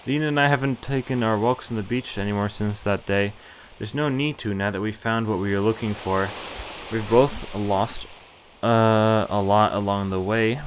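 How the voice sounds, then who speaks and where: A man streams a visual novel, reading the story text aloud in first person and tossing in casual commentary. His voice is lowish, with game music playing behind him and a little hiss or hum.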